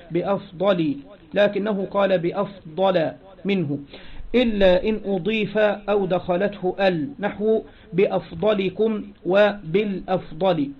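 A man teaching grammar in a lecture, asking questions and answering them himself, repeating key phrases and reading quoted text slowly. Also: sits high. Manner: reads quoted text louder and slower. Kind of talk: classroom lecture explaining a text. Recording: dull lo-fi recording.

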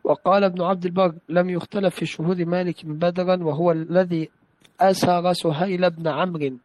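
A man with a high voice recites a classical text in a study session. He reads carefully and repeats phrases after a correction. The recording is dry, with no room sound. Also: fairly even intonation, fairly quick, darkish tone, no echo, rough recording. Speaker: student reading a text aloud to a teacher.

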